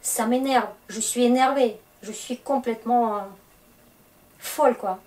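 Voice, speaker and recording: Slow, patient woman teaching a language. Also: fairly high pitch, darkish tone, rough recording. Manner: slow, patient explaining with frequent hesitations. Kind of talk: explaining grammar to French learners.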